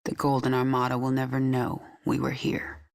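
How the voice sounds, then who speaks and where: A woman's voice: extremely low pitch, completely flat delivery, moderate pace, gravelly, slight background noise. An actress playing a cold, commanding female alien swarm queen who speaks in terse orders. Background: game score music.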